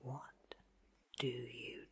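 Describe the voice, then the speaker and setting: A man in his thirties voicing an eccentric, curious, confident time traveller in a theatrical, whispered ASMR roleplay, close to the microphone. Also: very slow. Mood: intrigued. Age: 30s. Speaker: ASMR performer.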